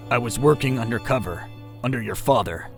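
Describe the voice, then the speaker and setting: In an audio drama, a man voices a solitary male warrior mentor. His medium-pitched, gravelly voice is grave and measured.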